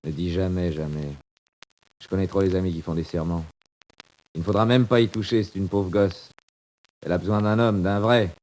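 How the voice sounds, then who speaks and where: An actor playing a proud, despairing condemned prisoner in a 1940s radio drama, speaking theatrically. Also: male voice, sits low, steady tone, normal speed, pauses often, a little mellow, close to an everyday voice. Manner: theatrical, swinging from bitter murmurs to cries.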